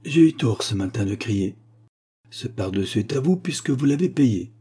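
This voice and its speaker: A man voicing a poor, grieving male schoolteacher who pleads softly and sadly in a husky voice. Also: medium pitch, expressive, moderate pace. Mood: sorrowful. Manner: soft, sorrowful pleading.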